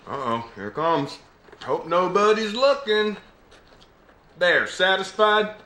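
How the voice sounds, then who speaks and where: A folksy Southern good ol' boy drawls politely through a live-action game scene. His put-on Southern accent rises and falls in lively swings over a bright tone. The room around him rings with echo. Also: high voice, slow, heavily acted. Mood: sheepish. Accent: put-on American Southern. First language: Australian English. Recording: roomy echo.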